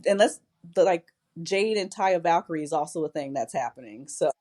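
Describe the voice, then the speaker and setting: A woman's voice: low voice, lively intonation, fairly quick, a little mellow. A woman guest on a wrestling podcast, chatting casually in a blunt, playful way and swearing. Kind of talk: casual chat.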